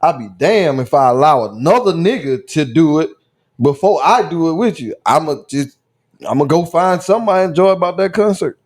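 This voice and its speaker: Male podcast co-host, slightly higher voice, blunt and crude, casual banter. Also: expressive, fairly quick. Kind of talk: casual chat.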